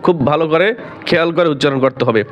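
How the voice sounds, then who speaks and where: A man teaching recitation, unwell with a sore throat and cough, who alternates brief explanations with slow, drawn-out chanted verses. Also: a little high. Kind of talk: tajweed lesson with slow recitation. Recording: dull lo-fi recording.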